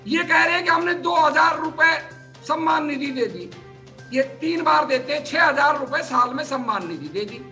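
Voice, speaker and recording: A combative man argues in a TV news debate, his voice high and piercingly bright. He fires off numbers one after another and keeps talking over the others, with faint music under the studio audio. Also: lively intonation, moderate pace. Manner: combative, rattles off figures, talks over others. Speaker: political party spokesman. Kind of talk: heated TV debate.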